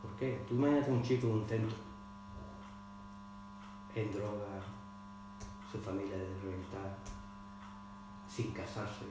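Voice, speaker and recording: A man's voice: fairly low pitch, little pitch movement, unhurried, long pauses. A man preaching a sermon as pastor, reading scripture aloud with rising force. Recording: very echoey church hall with faint mains hum.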